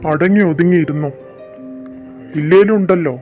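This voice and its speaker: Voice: medium pitch, normal speed, dark tone, faint music behind, natural voice. Doting, easygoing dad, as a voice actor plays him. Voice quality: affectionate, easygoing. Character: doting middle-aged father, indulgent. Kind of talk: amateur fan dub drama.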